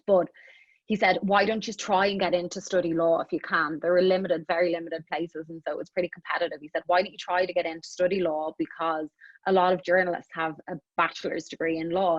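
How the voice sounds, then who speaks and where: A woman's voice: fairly low pitch, fairly even intonation, fast, no room sound, dull audio. A woman in her thirties with an Irish accent, talking as an interview guest in a chatty way with many restarts. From Ireland. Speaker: guest, immigration attorney. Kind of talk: conversational interview.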